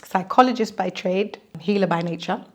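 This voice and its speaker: A woman in her forties, a psychologist on a discussion panel, speaking reflectively with pauses. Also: mid-range voice. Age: 40s. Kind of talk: casual discussion.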